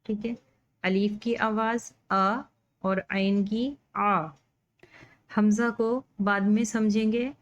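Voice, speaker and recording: A woman teacher gives a very slow spoken lesson. She drags each letter sound out and says it again and again. Her voice sits at a middle pitch. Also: lo-fi sound. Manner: drawn-out, demonstrating each sound by repetition. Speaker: Urdu pronunciation teacher.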